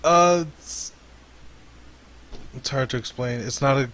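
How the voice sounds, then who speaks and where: A man's voice: mid-range voice, slow, a bit bright. Laughing man rambling at a game table. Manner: laughs often, rambling explanations. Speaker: player. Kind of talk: casual chat during a tabletop game.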